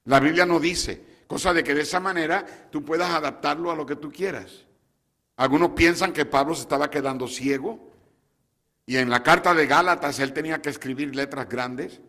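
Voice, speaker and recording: A man's voice: a little high, moderate pace, bright, forceful tone. A man preaching a sermon as a pastor to his congregation, asking them questions and slipping English words into his talk. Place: church sanctuary. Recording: long hall reverb.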